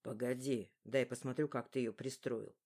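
Woman doing Carlos, a low weary father. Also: moderate pace, breathy edge, full character voice. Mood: distracted. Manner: low, hushed and flat. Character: weary injured young father, low and subdued.

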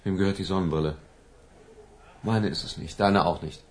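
An actor playing a lovesick middle-aged professor in a radio drama, hesitant, pleading and given to theatrical declaiming. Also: male voice, low-pitched, fairly even intonation, moderate pace, slight background noise, natural voice. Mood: anxious, coaxing. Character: lovesick, feverish older professor, pleading and florid.

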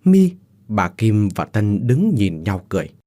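A man narrating a dark dramatic audio story with an expressive delivery. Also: on the low side, a little slow.

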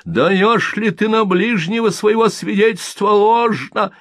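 A man's voice: high-pitched, unhurried, fairly bright tone, dry recording, studio quality, pitched above the performer's own voice. A man reading an audiobook aloud, voicing a fervent male evangelist preacher who rouses a crowd with rhetorical questions. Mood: exclaiming.

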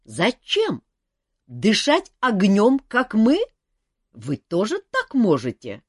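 A woman's voice: medium pitch, wildly swooping pitch, breathy edge, no echo, clean studio sound, pitched above the performer's own voice, heavily acted. A woman voicing a curious, childlike female dragon who speaks in broken sentences. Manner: broken grammar, slow wondering questions.

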